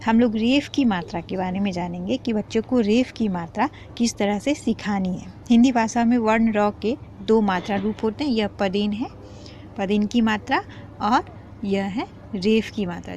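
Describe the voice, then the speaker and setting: A woman teaching parents a spelling lesson, speaking slowly and patiently and repeating each sound. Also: mid-range voice, darkish tone. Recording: dull lo-fi with faint noise.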